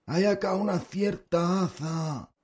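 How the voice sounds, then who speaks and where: An actor playing a big, gloomy old village elder who talks in slow rustic dialect, in an audiobook drama. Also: male voice, high-pitched, a little mellow. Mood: folksy. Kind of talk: audiobook radio drama acting.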